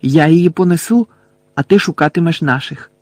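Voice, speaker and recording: A man's voice: on the high side, a little fast, darkish tone, no echo, natural voice. A man reading aloud, voicing an anxious but stubborn teenage boy wizard. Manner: insistent and fretful.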